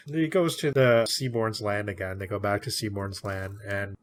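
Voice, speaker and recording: A man's voice: lowish voice, steady tone, a little hiss or hum. A man co-hosting a podcast, chatting casually about a book, laughing often. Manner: chatty, laughs often, puts on quick voices for characters. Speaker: podcast co-host.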